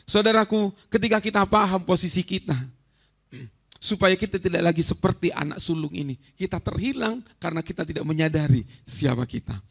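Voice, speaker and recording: A man preaching a lively storytelling sermon in a church hall. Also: sits high. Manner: lively, storytelling, addresses listeners as saudaraku.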